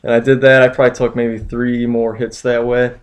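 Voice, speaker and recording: A man's voice: medium pitch, level tone, a little fast. A young man telling a story in a casual, rambling way, with lots of "you know" and "like". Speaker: vlogger.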